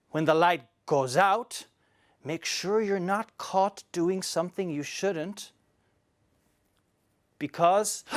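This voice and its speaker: A man giving a scripted comic monologue in a theatrical, deliberate way. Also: high voice, dry recording, clean studio sound.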